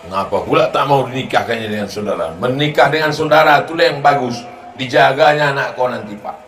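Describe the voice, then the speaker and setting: A man's voice: mid-range voice, fairly quick, fairly bright tone. A man preaching in a humorous, emphatic way, putting rhetorical questions to his listeners. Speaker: preacher answering audience questions. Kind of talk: humorous sermon with question and answer. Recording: echoey hall with background noise.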